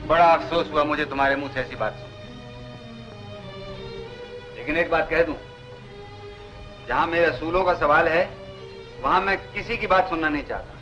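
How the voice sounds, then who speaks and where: A man's voice: on the high side, fairly bright tone, highs cut off, lightly acted. An actor playing a stern fatherly patriarch. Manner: firm, measured, fatherly. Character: stern principled middle-aged family patriarch. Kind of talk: 1960s film drama dialogue. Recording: film soundtrack with music behind.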